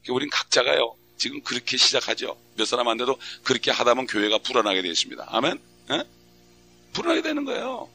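A man's voice: medium pitch, quick pace, vocal fry, hardly any pauses, pushed and bright, faint music behind. A middle-aged man preaching a fervent sermon as a pastor, full of rhetorical questions and acted-out prayers.

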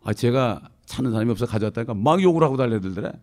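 A middle-aged man preaches a sermon in a loose, conversational way, telling anecdotes. He keeps checking in with the congregation through short questioning prompts. His delivery jumps between raised, emphatic lines and soft, low asides. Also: expressive, racing. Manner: tells anecdotes casually, with informal speech mixed in. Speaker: pastor.

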